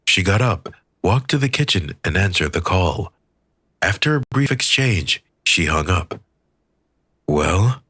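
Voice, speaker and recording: A man reading an audiobook in a measured, expressive storytelling manner. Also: deep voice, breathy edge, no room sound, studio quality. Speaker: audiobook reader. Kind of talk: scripted audiobook narration.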